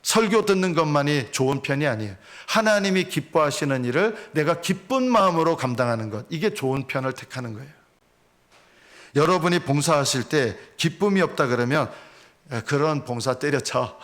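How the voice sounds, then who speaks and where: A man's voice: fairly high pitch, lively intonation, brisk, a bit bright. A male pastor, preaching a sermon earnestly and posing rhetorical questions to the congregation.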